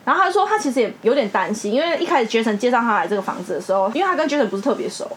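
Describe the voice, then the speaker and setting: A woman's voice: on the high side, racing, slight background noise. A woman with a Taiwanese Mandarin accent, telling a story animatedly in a casual podcast chat and laughing often. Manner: animated, laughing storyteller, acts out quoted voices. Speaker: podcast co-host.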